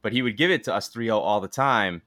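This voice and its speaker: A man's voice: on the low side, expressive, fast talker, bright, forceful tone. A man co-hosting a podcast, asking easygoing questions and recalling old games. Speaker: podcast co-host. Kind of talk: casual podcast chat.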